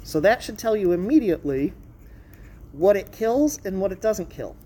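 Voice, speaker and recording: Muffled by a face mask, a woman teaching a college class explains material and checks comprehension with questions. She speaks at a normal speed in an expressive, medium-pitched voice that is dark with a breathy edge, and the classroom recording is noisy.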